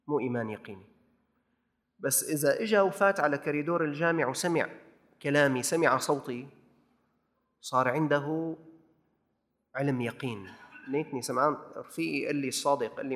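A man's voice: on the high side, fairly bright tone, in a large hall. A man with a Levantine Arabic accent preaching a sermon in a mosque, exhorting and repeating phrases for emphasis.

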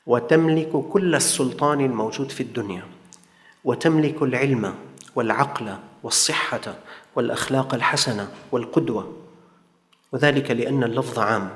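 A man with a Levantine Arabic accent giving a Quran commentary lesson, speaking in a measured way and slowing right down whenever he recites a verse. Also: mid-range voice. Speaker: religious teacher. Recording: echoey hall with long reverb.

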